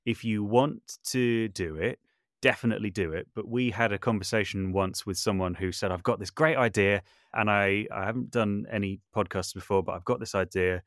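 This man's voice sits on the low side with a fairly bright tone, moving at a moderate pace in a dry, studio-quality recording. Appearing as an interview guest, the audio drama maker and composer reflects thoughtfully, frequently qualifying or revising what he says.

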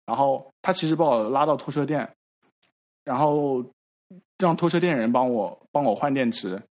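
A man on a podcast, casually telling a story in halting repeats and acting out the quoted dialogue. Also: mid-range voice, darkish tone. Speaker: podcast regular. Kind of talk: casual chat.

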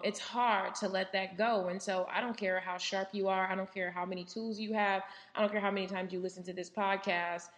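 A woman's voice: mid-range voice, a bit bright. A woman, hosting a solo podcast in a candid, chatty way with many fillers and asides. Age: 30s. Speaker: podcast host. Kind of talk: casual solo podcast monologue. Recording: roomy echo.

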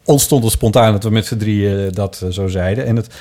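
A man hosting a casual podcast, talking in a halting way with lots of fillers and restarts. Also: on the low side, mellow. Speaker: podcast host. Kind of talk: casual chat.

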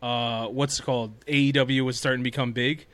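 A man's voice: medium pitch, flat delivery, brisk, fairly bright tone, no echo. A man hosting a podcast, casually talking through news in a rambling, conversational, storytelling way. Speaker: podcast host. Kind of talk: casual chat about wrestling news.

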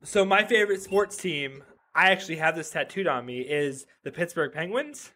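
Male guest, 30s, slightly high voice, rambling casual chat with lots of "like" and "right?", video call sound. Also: animated, normal speed, bright, forceful tone, a little hiss or hum. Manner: loose and chatty, heavy use of "like" and "right?". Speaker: podcast guest, web developer.

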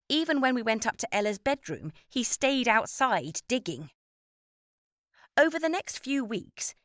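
A woman narrating a children's story with an expressive read-aloud manner. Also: mid-range voice, no echo, studio quality. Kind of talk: storybook reading.

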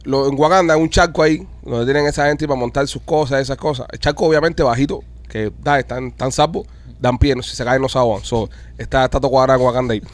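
A man's voice: medium pitch, fairly even intonation, fast, dry recording. A man hosting a podcast, telling a story in a rambling, profane way with many restarts. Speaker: podcast host. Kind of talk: casual chat.

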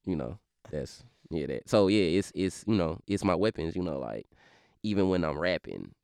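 Young rapper from Baton Rouge, Louisiana accent, fast slurred drawl, low gravelly voice, dry close sound, casual interview. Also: male voice, sing-song, darkish tone, no echo.

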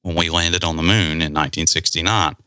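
A man hosting a podcast, explaining a topic in a relaxed, conversational way with side remarks. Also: low voice, a little fast, clean tone, no echo, clean studio sound. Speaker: podcast host. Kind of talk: casual explanatory talk.

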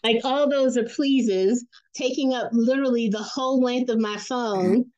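A woman in easy conversation with her family, teasing and laughing between stories. She mimics other people in a higher voice. The recording sounds a little muffled and dull. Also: unhurried. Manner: animated, laughing storyteller who acts out quotes in a raised voice. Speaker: podcast guest, mother. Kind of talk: casual family chat.

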